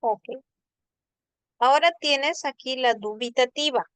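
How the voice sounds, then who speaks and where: A woman's voice: sits high, takes it slowly, smooth, no echo. A woman teaching a language class online, patiently explaining and checking in with her students. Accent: Peruvian Spanish.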